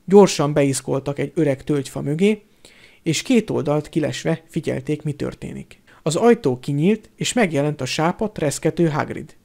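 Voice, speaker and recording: A man narrating an audiobook in a steady storytelling manner. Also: a little high, gravelly. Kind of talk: audiobook reading.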